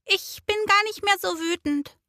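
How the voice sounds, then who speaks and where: A woman voicing an angry little girl fox with a high, shrill voice in a children's story. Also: moderate pace, sharp tone, no room sound, clean studio sound. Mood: calm.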